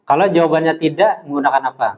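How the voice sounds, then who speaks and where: A man teaching an Arabic class, patiently modelling pronunciation slowly for his students. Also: on the high side, lo-fi sound. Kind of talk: classroom lesson.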